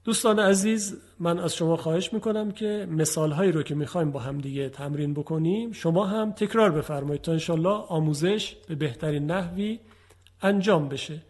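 A man teaching Quranic letter pronunciation in a formal televised lesson, explaining patiently and drawing out example words slowly. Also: on the high side, a little mellow, breathy edge. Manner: formal, patient explaining with slow drawn-out demonstrations.

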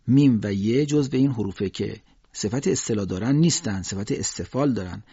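Husky male Quran recitation teacher. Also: lowish voice, mellow, no room sound. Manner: explanatory, patient, many hesitation fillers. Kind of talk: spoken lesson with slow recited examples. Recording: dull, dry lo-fi recording.

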